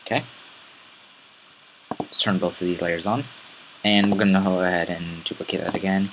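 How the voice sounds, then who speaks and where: Low-voiced raspy man teaching software. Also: slight background noise, rough recording. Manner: casual, rambling step-by-step instructions. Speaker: tutorial host. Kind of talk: screen-recorded software tutorial.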